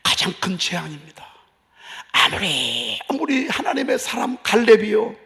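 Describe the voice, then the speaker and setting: A man preaching a sermon as pastor, passionate, moving from hushed talk to loud outbursts. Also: high voice, big pitch swings, normal speed, vocal fry. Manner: impassioned, swings from hushed to shouting.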